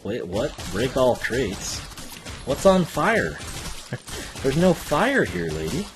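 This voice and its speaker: A man's voice: mid-range voice, wildly swooping pitch, takes it slowly, over music. A man giving casual, rambling live game commentary as a streamer, thinking aloud in slangy speech.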